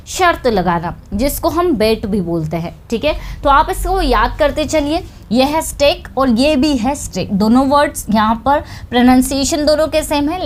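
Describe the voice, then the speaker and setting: A woman's voice: high voice, a little hiss or hum. A woman teaching an English lesson, explaining step by step and calling her viewers "guys". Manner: explains step by step, addresses viewers as "guys", asks quick check questions.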